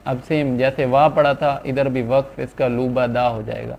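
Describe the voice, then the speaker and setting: A man teaching a reading lesson, drawing out each syllable slowly, then adding quick, quieter explanations. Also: mid-range voice, little pitch movement, vocal fry, slight background noise. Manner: drawn-out syllables between quick asides. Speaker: Quran reading tutor. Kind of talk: slow spelled-out recitation lesson. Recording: dull lo-fi sound.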